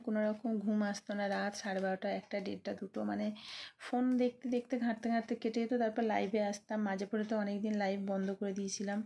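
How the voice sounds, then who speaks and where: A tired woman in her thirties with a Bengali accent, chatting quietly in a late-night vlog from her bedroom, keeping her voice low so she won't wake her family. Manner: speaking softly and quietly so as not to wake the household. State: sleepy and tired. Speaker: vlogger.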